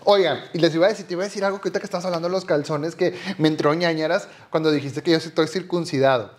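Hombre mexicano de voz muy aguda. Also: male voice, fairly high pitch, fairly even intonation, rapid-fire. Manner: earnest, laughs easily. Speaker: podcast co-host. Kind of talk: casual chat.

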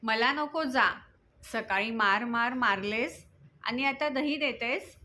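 A woman's voice: a little high, slow, sharp tone. A woman voicing a frightened young boy who wails and pleads. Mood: sulky. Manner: wailing, pleading.

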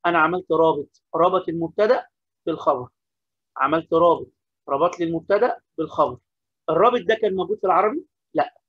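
A man with an Egyptian accent teaches English at a quick clip, his voice slightly husky and a little high. He keeps repeating key points and asking questions that he answers himself. The recording is dry and somewhat dull, like lo-fi audio. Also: no room sound. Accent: Egyptian Arabic. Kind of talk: classroom-style lesson explaining grammar.

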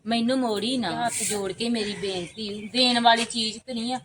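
Childless village woman pleading for a son, played by a woman; soft, halting, slightly high; noisy outdoor take with crows. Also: steady tone, natural voice. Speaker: sister-in-law's visitor. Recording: loud background noise, crows cawing.

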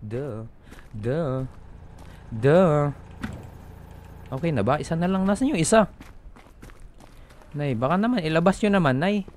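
A young man with a Filipino accent giving joking let's-play commentary, reacting loudly and mocking along. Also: a little high, animated, a little slow, pauses often, a little hiss or hum. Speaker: gaming YouTuber.

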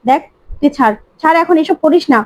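A woman's voice: high voice, expressive, a little fast, a little mellow. A woman voicing a cold young husband who acts as a henchman, giving blunt orders. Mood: curt. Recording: slightly muffled dry recording.

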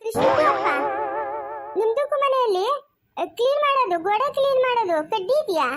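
A woman's voice: very high voice, expressive, a little fast, over loud music, pitched above the performer's own voice. A woman voicing a chatty newcomer neighbor woman who speaks broken Kannada, repeating her calls over and over in a home-made family skit. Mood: pestering. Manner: mangled grammar, repeats a call over and over.

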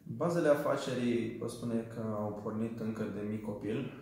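A man's voice: fairly low pitch, creaky, a little mellow. A man in his twenties from Romania, telling his story as a small business owner in an earnest, hesitant way with frequent fillers. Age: 20s. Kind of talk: testimonial for a training video. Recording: very echoey room.

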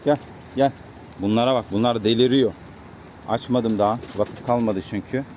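A vlogger with a steady, slightly mellow mid-range voice speaks at normal speed to his viewers, calling out again and again to coax his pigeons. There's slight background noise and the cooing of pigeons.

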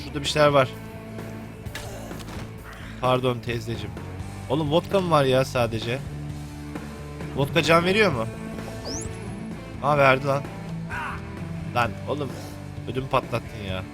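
A man's voice: mid-range voice, unhurried, long pauses, over music. A young man commenting on a video game while he plays, joking and cursing at the characters. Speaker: gameplay commentator. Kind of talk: let's play commentary.

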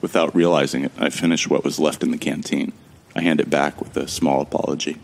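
The protagonist narrates his own sci-fi audio drama in the first person, speaking a little fast with a steady tone. His voice is extremely deep with a gravelly fry throughout, and he keeps things wry and casual with jokes and the odd curse.

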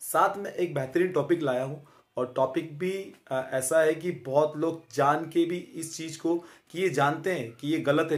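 Recorded on a close-held phone in a small room, a man in his thirties gives a casual, friendly fitness talk to camera. He's a fitness vlogger with a fairly high-pitched voice, and his delivery is full of pauses, filler sounds and tag questions.

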